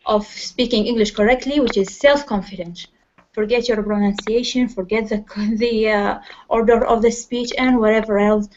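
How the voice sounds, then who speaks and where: Over a video call, a woman from Iraq gives online English class instruction in a fairly high voice. Her delivery is hesitant, with lots of fillers and false starts, and the computer mic produces low-fidelity call audio.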